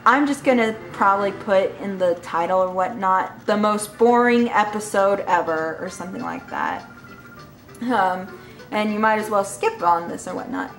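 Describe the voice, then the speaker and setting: A woman's voice: medium pitch, big pitch swings, moderate pace, fairly bright tone, reverberant, faint music behind, low-quality recording. Giggly woman doing game commentary. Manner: giggly, apologetic, rambling. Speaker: gaming channel host. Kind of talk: let's play commentary.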